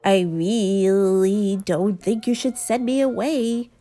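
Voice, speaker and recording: A woman's voice: mid-range voice, steady tone, takes it slowly, dark tone, soft background music, close to an everyday voice. A woman voicing a big, scruffy boy monster in a children's storybook, drawling and whiny as he tries to sound terrifying. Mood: whiny, huffy.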